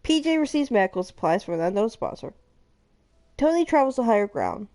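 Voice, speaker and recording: A woman's voice: on the high side, very animated, fairly quick, a little mellow. A woman hosting a live game stream, chatting casually and reading game events aloud, giggling often between lines. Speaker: streamer host.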